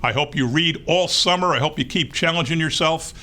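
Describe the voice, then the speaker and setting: A man reading a picture book aloud to young children in an expressive read-aloud manner. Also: fairly high pitch, a little fast. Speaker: storybook reader.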